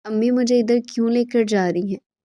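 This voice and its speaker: Pleading wronged young woman, read by a woman narrator; mellow, dry close mic. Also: on the high side, steady tone, no room sound, lightly acted. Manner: pleading, begging.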